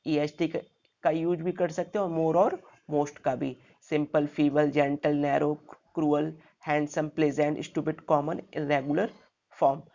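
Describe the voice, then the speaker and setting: A man's voice: on the high side, creaky, warm tone, lo-fi sound. A man teaching a grammar lesson step by step, asking his class rhetorical questions and checking in with "okay" after each point.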